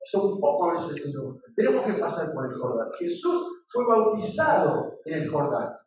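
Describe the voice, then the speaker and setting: A man's voice: fairly high pitch, very animated, moderate pace, a little mellow. A middle-aged male pastor preaching a sermon in a conversational way, weaving in personal stories. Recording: very echoey room, mic far off.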